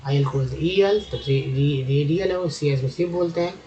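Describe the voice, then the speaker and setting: A man's voice: on the high side, a little fast, dark tone, a little hiss or hum. Lo-fi man teaching phonics patiently. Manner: patient, spells letters then sounds words out. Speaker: English teacher. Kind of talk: phonics lesson over slides.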